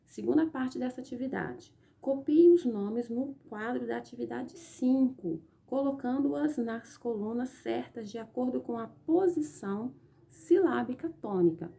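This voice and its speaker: A woman's voice: a little high, animated, a little slow, creaky, mellow. A Brazilian woman teacher explaining a lesson to young pupils step by step, often checking in with short questions. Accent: Brazilian Portuguese. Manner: patient, explaining step by step, frequent "tá?" check-ins. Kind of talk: recorded remote class lesson.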